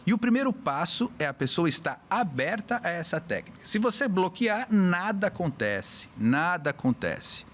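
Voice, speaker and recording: A man from Brazil, a hypnotherapist on a casual podcast, explaining with lively little acted-out scenes. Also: high voice, moderate pace, few pauses. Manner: animated, acts out little scenes with voices. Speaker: hypnotherapist guest.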